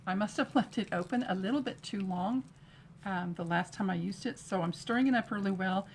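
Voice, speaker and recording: A chatty middle-aged woman from Texas talks viewers through a craft project on a live stream, greeting them by name while her hands stay busy. Her voice sits at an ordinary pitch for a woman. A faint hiss runs under the recording. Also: brisk. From Texas, USA. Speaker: craft demonstrator.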